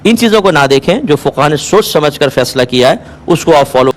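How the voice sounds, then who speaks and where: A man answering viewers' religious questions on a call-in show, calm and explanatory, asking listeners to check they follow. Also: on the high side. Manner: calm, explanatory, patient advice; asks rhetorical checks, occasionally amused.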